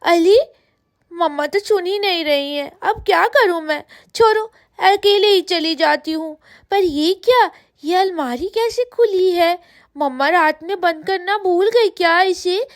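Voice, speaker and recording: A frightened little girl doll in a cartoon storybook, voiced by a woman. Her voice sits very high and thin, and she whimpers and frets aloud to herself about ghosts. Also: measured pace. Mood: fretful. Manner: whiny, frightened self-talk. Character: small timid girl doll, scared of ghosts.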